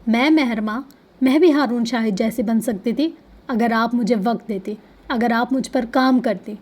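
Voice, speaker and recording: A woman voicing a bitter, vengeful young woman who shouts and then goes cold and clipped, in a storybook reading. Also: a little high, lightly acted. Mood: furious.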